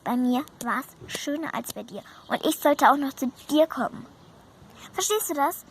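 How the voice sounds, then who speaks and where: A woman's voice: sits high, lively intonation, moderate pace, a little hiss or hum. A woman voicing a sulky, homesick young horse who complains about hunger. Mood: complaining.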